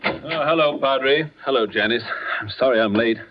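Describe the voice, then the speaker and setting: Man playing a country doctor, brisk, breezy, skeptical, lo-fi 1940s radio. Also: mid-range voice, background noise, close to an everyday voice.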